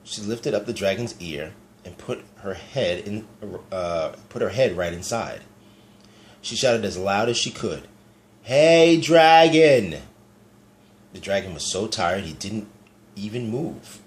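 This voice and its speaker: Man storyteller, low voice, gentle and chatty picture-book reading, faint hiss behind. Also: unhurried.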